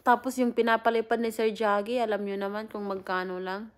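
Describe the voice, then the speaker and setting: A woman's voice: medium pitch, level tone, a little fast. A Filipina woman, chatting casually on a livestream, greeting viewers by name and laughing often. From Philippines. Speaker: livestream host.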